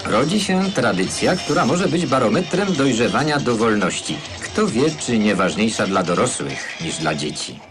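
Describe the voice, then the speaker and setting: A man giving wry, measured voice-over narration for an old newsreel. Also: medium pitch, lively intonation. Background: music.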